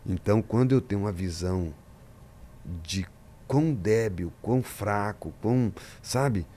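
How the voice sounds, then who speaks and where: A man's voice: on the low side, measured pace, mellow. A man, a pastor, talking in a podcast interview, preaching-style and emphatic, acting out the voices in his stories.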